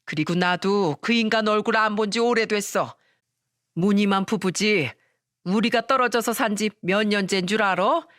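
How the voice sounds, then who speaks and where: A narrator voicing a shameless middle-aged mother-in-law who shouts defiantly for a storytelling radio piece. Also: medium pitch, expressive, unhurried, no room sound, clean studio sound. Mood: brazen, scornful.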